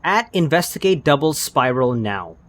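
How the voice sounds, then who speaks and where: A man's voice: fairly high pitch, big pitch swings, normal speed. A man co-hosting a casual game playthrough, narrating scenes and teasing with hesitant phrasing. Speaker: co-host guiding and narrating a game.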